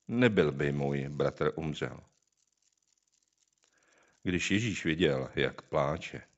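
A man's voice: deep voice, lo-fi sound. A man reading a scripture passage aloud and then preaching on it, drawing listeners in with rhetorical questions.

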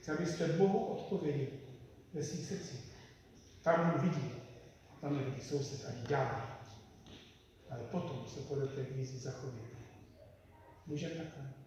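A man preaching and leading prayer, earnest and pleading, sometimes dropping to a hush. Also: on the high side, pauses often, recorded from a distance. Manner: earnest, pleading prayer with soft hushed passages. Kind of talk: sermon and prayer. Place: church hall. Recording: echoey hall, miked from afar, background noise.

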